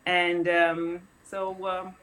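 A middle-aged woman from Nigeria, a food company founder, talks in a relaxed conversational way. She tells stories at an easy pace and laughs often. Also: fairly low pitch, extremely slow, rough recording. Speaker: guest, snack company founder. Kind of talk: casual interview.

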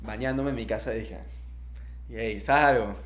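A man's voice: fairly low pitch, a little slow, fairly bright tone. A young man with a Panamanian accent, casually telling personal stories as a guest, with slang and English words mixed in. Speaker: interview guest.

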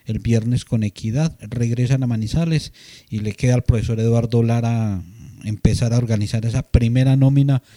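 A man co-hosting a sports radio show, talking in a measured way with many "eh" fillers. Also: medium pitch, mellow, dry recording, studio quality. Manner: measured, fills pauses with "eh".

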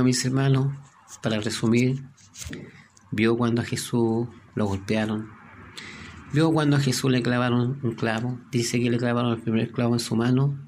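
A man preaching a sermon, telling a story and dropping to a hushed voice at its moving moments. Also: medium pitch, a little hiss or hum.

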